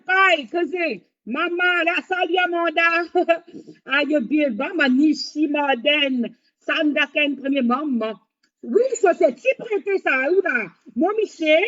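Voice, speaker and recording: A woman hosting a live stream, talking in a rambling monologue with halting, repetitive, broken phrasing. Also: high voice, a bit bright. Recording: dull lo-fi sound.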